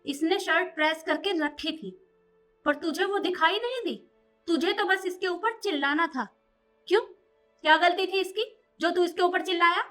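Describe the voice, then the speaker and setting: A woman acts out a short family drama as a mother with a very high, bright, piercing voice, angrily scolding and lecturing her adult son. Speaking at a moderate pace, she fiercely defends her daughter-in-law while faint music plays behind her.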